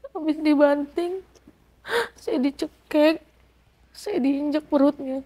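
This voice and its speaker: A woman's voice: high-pitched, fairly even intonation, takes it slowly, warm tone. A middle-aged woman giving an emotional personal testimony in an interview, acting out quoted dialogue as she recounts events.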